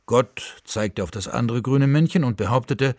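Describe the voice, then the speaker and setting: A man narrating a story for radio in a measured, expressive way, recorded in a studio. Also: medium pitch, dry recording.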